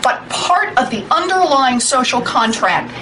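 A woman makes her case with emphatic insistence in a high voice. She is heard from a distance in a speech clip, with faint ambient noise behind her. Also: sing-song, measured pace, sharp tone. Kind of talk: political speech.

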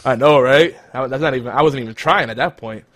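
A man's voice: medium pitch, fast, fairly bright tone. A man hosting a casual podcast segment, rambling with fillers and self-corrections. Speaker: podcast host. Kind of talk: casual chat.

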